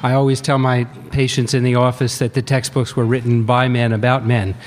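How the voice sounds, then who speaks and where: A man, a cardiologist guest on a live radio show, talking in a measured, lightly hesitant way. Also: mid-range voice, level tone. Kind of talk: expert explanation on radio. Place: reception hall. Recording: long hall reverb from live venue.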